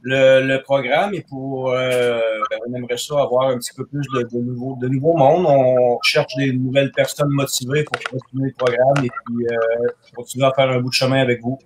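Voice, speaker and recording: A man's voice: mid-range voice, little pitch movement, normal speed. Québécois farrier guy on a call, chatty, lots of euhs, faint background hiss. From Quebec, Canada. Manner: chatty, with many fillers and restarts. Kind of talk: casual self-introduction on a video call.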